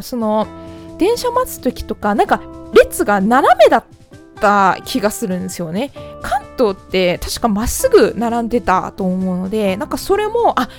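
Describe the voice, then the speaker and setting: A woman from the Kanto region, chatting politely as the host of her own solo podcast, with many fillers. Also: medium pitch.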